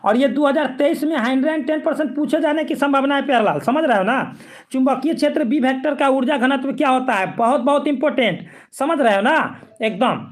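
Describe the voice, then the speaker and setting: A man with a high, light voice coaches students through exam physics questions. He talks with them directly, repeats key points and keeps asking if they follow. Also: brisk. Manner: repetitive, coaxing, keeps checking students follow. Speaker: physics teacher. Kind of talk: exam-prep lesson.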